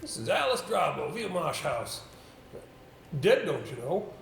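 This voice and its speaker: In an amateur stage play recorded with roomy, slightly noisy sound, a man plays an avuncular older solicitor, a rambling, brisk senior boss who muses, hesitates, and clears his throat. His fairly high voice is very animated, unhurried, a bit bright, and fully in character.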